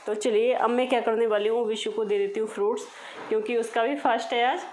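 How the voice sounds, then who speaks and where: A woman's voice: on the high side, fairly even intonation, quick pace, darkish tone, a little hiss or hum, poor audio. A woman in her thirties chatting casually to viewers in a home vlog, talking to them directly. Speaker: vlogger.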